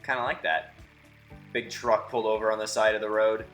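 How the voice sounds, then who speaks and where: Chatty young man with a bright voice. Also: on the low side, little pitch movement, brisk, soft background music. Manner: chatty, wry and sarcastic. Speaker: vlogger. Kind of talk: casual driving vlog narration. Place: inside a car. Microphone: camera mic from a distance, muffled.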